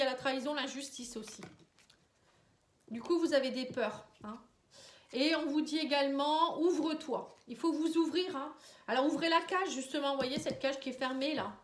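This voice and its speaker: This tarot and oracle card reader has a stuffy head cold and sounds tired as she does a casual horoscope reading straight to camera. Her voice sits high, steady in tone at a moderate pace, and she tags lines with "hein" and "vous voyez" in a resonant, roomy space.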